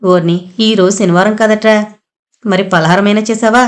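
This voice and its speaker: A woman voicing a frail, ailing older mother who speaks softly and tenderly, in a storybook reading. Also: medium pitch, steady tone, normal speed, natural voice. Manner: soft, tired and tender.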